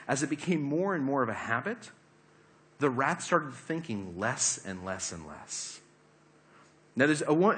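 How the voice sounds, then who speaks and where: Animated man giving a talk. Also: medium pitch. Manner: animated, asks the audience questions. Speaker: speaker giving a talk on habits. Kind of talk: lively presentation to a live audience.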